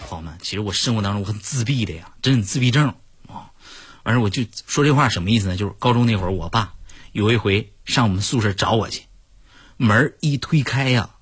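A man's voice: lowish voice, quick pace. A man doing stand-up comedy, telling stories in a chatty, self-mocking way and talking straight to the audience.

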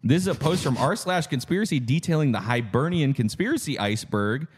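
A man co-hosting a comedy podcast, presenting a mock-serious conspiracy theory with rising excitement. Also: mid-range voice, brisk, husky. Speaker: podcast co-host.

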